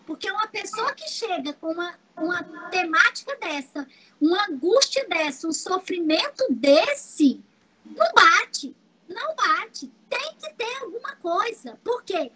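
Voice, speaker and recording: A Brazilian woman, a family constellation therapist, teaching through lively stories and repeating phrases for emphasis. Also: very high-pitched, a little slow, low-quality recording. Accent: Brazilian Portuguese. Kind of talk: teaching talk with anecdotes.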